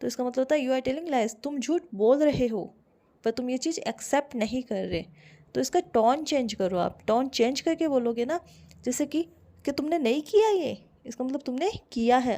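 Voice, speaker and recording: A young woman with an Indian accent teaching English grammar online, explaining slowly and repeating each example sentence. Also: sits high, warm tone.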